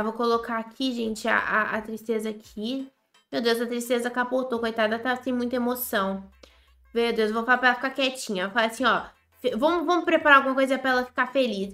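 Excitable high-voiced Brazilian woman gamer. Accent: Brazilian Portuguese. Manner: excitable and chatty, often talking straight to viewers. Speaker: gaming YouTuber. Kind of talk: Roblox gameplay commentary.

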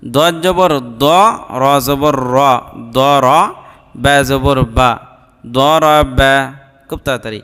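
Male reading teacher, very slow and deliberate, crisp diction, letter-by-letter drilling, reverberant hall sound. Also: medium pitch, fairly even intonation, a bit bright, faint music behind. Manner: spells each letter and vowel slowly, then joins syllables. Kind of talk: slow drilled recitation lesson.

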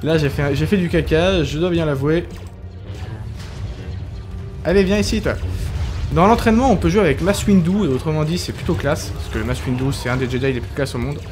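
Young male gaming commentator, casual and excitable, slightly high voice, light music bed. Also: a little fast, pauses often. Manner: chatty, excitable, swears casually. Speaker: gaming youtuber. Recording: voice over game music.

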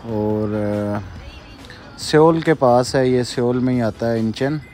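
A man from Pakistan, casually narrating a road trip from inside a car in a relaxed, polite way. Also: mid-range voice, slow pace, faint music behind. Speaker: travel vlogger. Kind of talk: casual travel vlog narration. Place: in a car on a highway.

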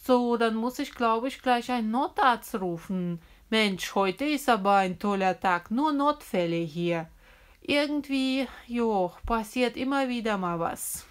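A woman's voice: fairly high pitch, lively intonation, measured pace, clear, resonant tone. A woman voicing a kindly, slightly flustered female kindergarten teacher in a children's toy-figure story. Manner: gentle, chatty, a little flustered.

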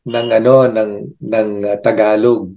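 An older man co-hosting a casual chat, thinking aloud with halting restarts. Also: on the low side, flat delivery, dark tone. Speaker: co-host.

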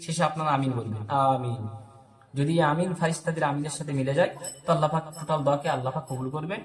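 High-voiced man teaching slow recitation. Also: roomy sound. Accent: Bangladeshi Bengali. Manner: drawn-out slow recitation alternating with quick explanation. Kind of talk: tajweed lesson with slow demonstrations.

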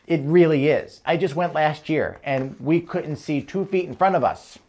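An American man in his thirties reads aloud to young children, explaining things simply in an animated way with chatty asides. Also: on the high side, normal speed. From United States, Atlantic City area. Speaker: children's book reader and weather presenter. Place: indoor studio in front of a green screen.

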